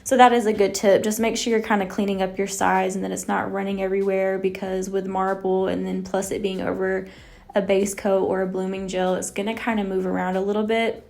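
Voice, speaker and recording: A woman's voice: medium pitch, level tone, a little fast, gravelly, darkish tone. Chatty young woman with a drawl. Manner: chatty, lots of "like" and "um" fillers. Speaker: nail technician. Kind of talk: casual tutorial voice-over.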